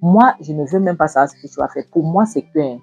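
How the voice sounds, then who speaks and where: A woman's voice: deep voice, expressive, quick pace, darkish tone, slightly rough, muffled recording, soft background music, full character voice. A woman voicing a hot-headed young man furious over what happened to his sister. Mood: indignant. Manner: agitated, indignant.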